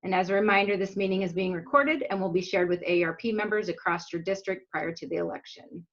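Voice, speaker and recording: A woman's voice: lowish voice, quick pace, lo-fi sound. A woman moderating a video call meeting with a scripted, formal welcome. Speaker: interview moderator.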